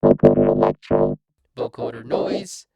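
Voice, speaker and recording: A man demonstrating music software, his voice run through a robotic detuner, ring modulator and vocoder effect as he talks casually. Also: rumbling low, huge pitch swings, measured pace, gravelly, highs cut off. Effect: robotic voice effect from a detuner, ring modulator and vocoder plugin.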